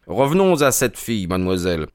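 A man voicing a calm, methodical detective who questions in a measured, inquisitive way. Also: lowish voice, no echo, studio quality. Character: sharp, calm male detective, keen and methodical. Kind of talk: audiobook character reading.

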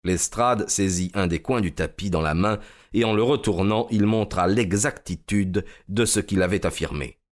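An actor narrating a detective case as the detective's male companion, in a measured storytelling way. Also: lowish voice, natural voice. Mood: calm. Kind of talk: scripted narration.

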